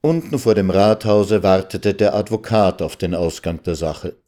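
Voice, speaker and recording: A man narrates an old literary tale in a calm, measured way. His voice sits low and mellow, unhurried and even. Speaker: reader. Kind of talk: literary reading.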